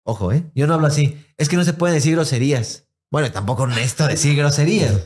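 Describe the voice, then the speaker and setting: A man's voice: a little high, quick pace. A young Mexican man co-hosting a casual podcast, telling stories and acting out other people's lines. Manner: animated storytelling, acts out other people's lines. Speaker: podcast co-host. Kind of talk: casual chat.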